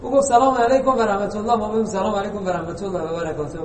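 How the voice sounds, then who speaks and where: Guy preaching casually w/ jokes and questions, very high voice, sounds far from the mic. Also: steady tone, darkish tone. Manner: conversational, rhetorical questions and jokes. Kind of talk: informal religious lesson. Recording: echoey hall, distant mic, faint noise.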